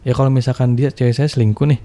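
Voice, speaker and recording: Seorang pria berlogat bercerita santai tentang pengalamannya, blak-blakan, kasar, dan penuh bahasa gaul. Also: male voice, mid-range voice, fairly even intonation, fast talker, mellow. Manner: blunt, profane, slangy. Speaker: guest telling a personal story. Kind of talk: casual storytelling chat.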